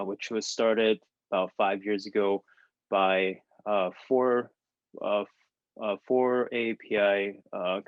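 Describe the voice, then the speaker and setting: A man from Taiwan, answering interview questions in a halting way with many fillers and restarts. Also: fairly low pitch, no room sound. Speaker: guest artist. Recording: dull lo-fi dry sound.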